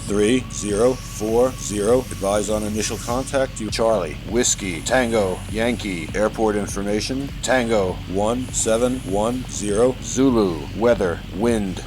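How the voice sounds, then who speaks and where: A computer-generated male voice reading an automated airport weather broadcast in a flat, clipped way, looping the same report. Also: lowish voice, poor audio. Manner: flat, clipped, synthetic readout of call signs and figures. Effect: computer-generated voice from a flight simulator.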